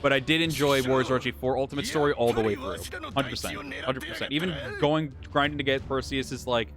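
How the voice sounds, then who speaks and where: A man chatting casually with his viewers during a live game stream, rambling and a little hoarse as he loses his voice. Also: mid-range voice, fast. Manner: rambling, talks to chat while playing. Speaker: livestreamer. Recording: game music behind the voice.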